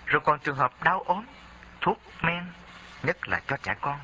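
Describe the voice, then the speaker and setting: Male memoir reader, bright and lively delivery, dull lo-fi tape with faint hiss. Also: fairly high pitch, moderate pace. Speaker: narrator. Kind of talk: memoir audiobook reading.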